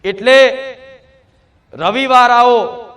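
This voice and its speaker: Man preaching in a really high voice, speaks as the goddess, keeps firing off questions. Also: very slow, a bit bright. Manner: preaches in first person as the mother goddess, addressing devotees; fervent, repeats rhetorical questions. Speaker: devotional preacher. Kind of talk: sermon.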